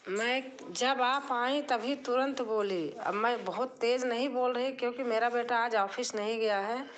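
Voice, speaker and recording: A woman's voice: a little high, a little slow, slight background noise. A middle-aged woman hosting a live stream from her drawing room, chatting casually with viewers and keeping her voice down. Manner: speaks softly, keeping her voice down. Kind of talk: casual live chat reading comments.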